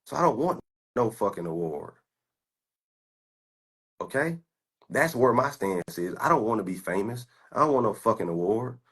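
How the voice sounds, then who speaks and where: A man's voice: fairly low pitch, lively intonation, moderate pace, pauses often, slightly rough. A man in his twenties from the United States, a stock trader giving a boastful, profane, confrontational rant while showing his screen. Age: 20s.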